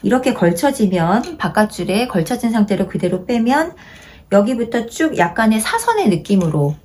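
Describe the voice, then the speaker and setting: A woman teaching a haegeum lesson, patiently repeating each instruction and slowing down to demonstrate. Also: a little high, sing-song, a little mellow. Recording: noisy home-video recording.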